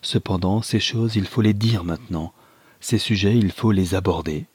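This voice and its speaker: A proud young mother pleads earnestly with the man she loves, as read by a man. The voice sits low and slightly husky. The recording is close and dry. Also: moderate pace, a little mellow, no echo.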